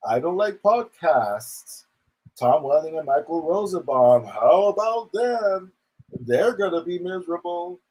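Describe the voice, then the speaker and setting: A man's voice: on the high side, sing-song, a little slow, a little mellow, breathy edge, pitched above the performer's own voice, heavily acted, rough recording. A man mockingly imitating a smug, aloof male video creator with sarcasm. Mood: mock-cheery, smug.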